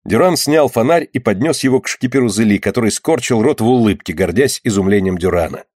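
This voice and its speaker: A man reading an audiobook aloud in a measured, steady narrating voice. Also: on the low side, no room sound, clean studio sound.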